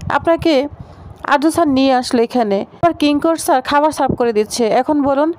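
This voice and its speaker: A woman's voice: sits high, fairly quick, darkish tone, a little hiss or hum, lightly acted, low-quality recording. Jealous, sarcastic young woman, read by a woman.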